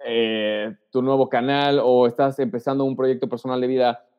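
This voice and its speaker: A man with a mid-range, clean-toned voice talks at a moderate pace as an interview guest, animatedly acting out example lines while giving social advice. The casual exchange is recorded with dull sound and long reverb.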